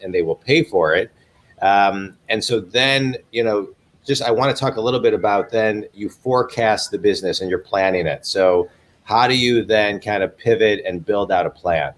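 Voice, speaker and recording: Forties male host, lowish voice, eager and repetitive, interviewing over a video call. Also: moderate pace, a bit bright. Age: 40s. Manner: eager, repeats words when starting a thought. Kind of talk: livestream business interview.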